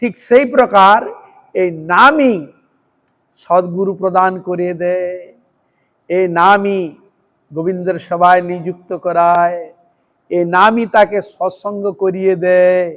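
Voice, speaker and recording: A Bengali-accented man preaching a devotional sermon in a high voice, intoning verses slowly and repeating key phrases for emphasis. His voice carries a long reverberating tail, as if in a large hall. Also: a bit bright. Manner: chants Sanskrit verses slowly, then explains with emphatic repetition.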